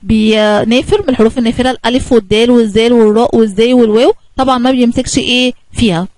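A woman with an Egyptian Arabic accent, teaching a kindergarten lesson in a lively, coaxing way and asking the children questions. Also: fairly high pitch, racing, no room sound, poor audio.

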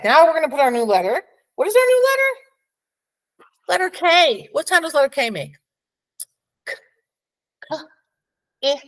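A woman leading a preschool reading lesson in a slightly high voice. She talks slowly and patiently, stretching out each letter sound and cheering the child on. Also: fairly bright tone. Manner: slow, encouraging, sounds out letters. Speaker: preschool teacher.

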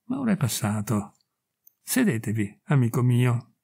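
A man reading a story aloud, voicing an aging woman who speaks gently and tenderly, with hesitant pauses. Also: mid-range voice, very animated, gravelly, husky, full character voice. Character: aging woman, tender, wistful, once a beloved girl.

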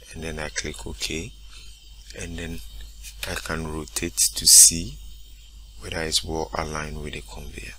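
A man walking through a software tutorial step by step, often saying "okay, great" between steps. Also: sits low, background noise. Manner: steady step-by-step explaining, repeats "okay, great". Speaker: instructor. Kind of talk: screen-recorded software tutorial.

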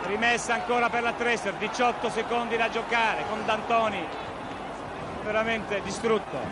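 A man with a very high-pitched voice commentates live basketball for TV. The crowd is very loud behind him, and the old broadcast recording is full of arena noise. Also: fairly even intonation, normal speed. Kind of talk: live TV sports play-by-play commentary. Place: large indoor basketball arena.

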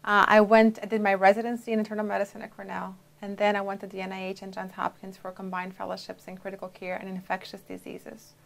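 In a dark studio, a Brazilian-born woman in her forties, an FDA official, answers interview questions on a lapel mic. She speaks in a measured way with frequent pauses and fillers. Her mid-range, gravelly voice stays completely flat.

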